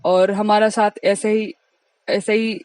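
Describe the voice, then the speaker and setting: A woman sharing her devotional testimony in a satsang, talking fast and earnestly to the congregation, a little distant from the mic. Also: medium pitch, little pitch movement, background noise. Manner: speaks quickly, admits it herself; earnest, addresses the congregation directly.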